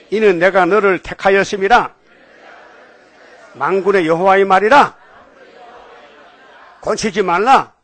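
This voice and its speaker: A high-pitched older man delivers a sermon with a teasing, homespun manner, constantly calling out to his listeners for a reply. The recording is close and dry, with no room sound. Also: no echo. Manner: folksy, teasing, call-and-response with congregation. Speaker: pastor.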